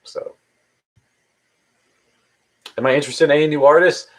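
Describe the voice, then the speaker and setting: Speaking at normal speed with fairly even intonation, this thirtysomething man has a voice on the high side. He fields questions from viewers during a casual live stream, wandering and hesitating and often starting over.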